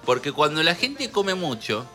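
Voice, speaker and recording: A man with an Argentine Spanish accent hosting a radio show, talking in an animated, joking way and laughing often. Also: on the high side, normal speed, faint music behind. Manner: animated, laughs often while telling jokes. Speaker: radio host. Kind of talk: jokey radio talk. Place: radio studio.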